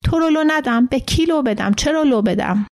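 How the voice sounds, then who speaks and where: An agitated older man, a camp survivor, presses his old friend in an insistent, pleading voice, as a woman reads him in a storybook. The pitch sits mid-range. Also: gravelly, a little mellow. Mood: exasperated.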